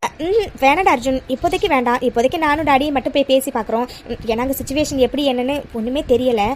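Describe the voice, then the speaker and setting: Woman doing a bold, fast-talking young woman doctor. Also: sits high, a little hiss or hum, voice pushed down, natural voice. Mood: assured. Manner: bold, assured, chatty. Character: confident young woman doctor set on marriage. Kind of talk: animated cartoon story dialogue.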